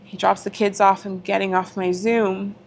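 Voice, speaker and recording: At normal speed, a woman with a mid-range, gravelly voice speaks in a level tone, with slight hiss or hum present. As a podcast guest she tells her personal story openly and emotionally, acting out past talks and cursing at times.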